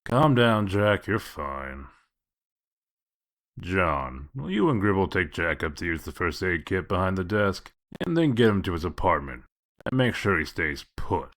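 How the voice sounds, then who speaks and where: A man playing a sardonic werewolf lawman in a comic dub, dry, deadpan and full of authority. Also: low-pitched, unhurried, heavily acted. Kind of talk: dramatic comic-dub voice acting.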